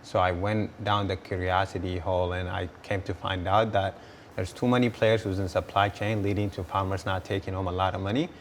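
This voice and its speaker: An Ethiopian entrepreneur in his 20s answers interview questions earnestly, often repeating words as he restarts. His low-pitched voice is flat and brisk, with slight background noise.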